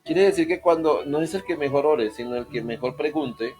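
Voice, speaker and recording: A man's voice: a little high, normal speed, a little mellow, faint music behind. A male pastor giving an informal sermon on prayer. He jokes and puts questions straight to his listeners.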